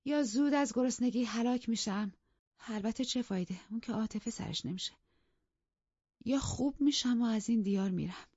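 A woman's voice: fairly high pitch, darkish tone, breathy edge, no echo, lo-fi sound, pitched above the performer's own voice. Woman putting on a distraught starving young lady. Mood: frantic. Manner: pleading, agitated, frantic outbursts. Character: ailing young woman, distraught, self-pitying.

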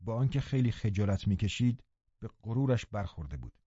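A man narrating a novel in the first person with expressive storytelling. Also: on the low side, breathy edge, no echo, highs cut off. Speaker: audiobook narrator.

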